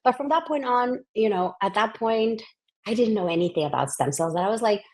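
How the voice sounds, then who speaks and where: Guest, woman, 40s, from Ecuador, chatty and lively, often restarts mid-sentence. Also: on the high side, a little fast. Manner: restarts often, animated and enthusiastic. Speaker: guest, physician scientist. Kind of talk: casual interview conversation.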